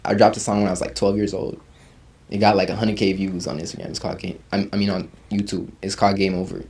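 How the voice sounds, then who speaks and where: Rap artist guest in his twenties, from Uganda, casual slangy chat, somewhat low pitch. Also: fast. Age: 20s. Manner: slangy, relaxed, says "you feel me" often. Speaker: guest rapper.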